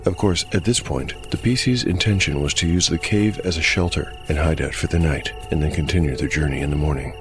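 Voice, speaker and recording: Soft music plays beneath a deep male voice as the game master tells a dark fantasy story, his delivery measured and clearly scripted.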